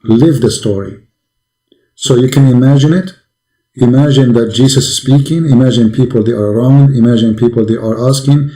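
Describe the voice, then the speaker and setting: A man's voice: mid-range voice, normal speed, mellow, reverberant, poor audio. A man preaching to a caller with great passion. He fires off repeated rhetorical questions and speaks English with non-native grammar.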